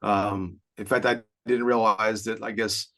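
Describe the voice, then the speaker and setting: A man's voice: lowish voice, fairly even intonation, a little slow, fairly bright tone. A man in his fifties co-hosting a podcast, chatting casually in a rambling, explanatory way with frequent chuckles. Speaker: podcast co-host. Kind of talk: casual chat.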